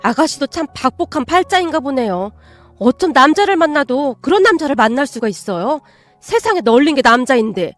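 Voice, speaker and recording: A tactless, nosy sister-in-law chatters on in a high, needling voice, as a woman puts her on. Her pitch swings widely, turning shrill, with a dry sound and faint music underneath. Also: sing-song, fairly quick, no room sound. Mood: prying.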